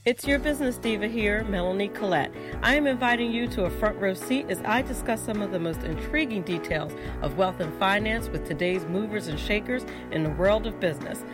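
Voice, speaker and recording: A woman with a mid-pitched voice reads a scripted radio promo as the show's host. Music plays clearly underneath her. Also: brisk, hardly any pauses. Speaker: finance radio show host. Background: prominent promo music.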